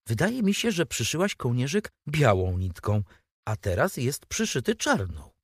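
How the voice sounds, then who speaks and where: Storybook figure: man playing a smug little tattletale, husky edge, dry. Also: mid-range voice, sing-song, moderate pace, no room sound. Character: tattletale younger boy, smug.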